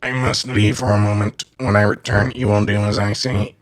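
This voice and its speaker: A man voicing a slimy alien captor with a hollow, mechanical monotone. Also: on the low side, moderate pace, heavy background noise, close to an everyday voice. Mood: menacing. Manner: flat monotone.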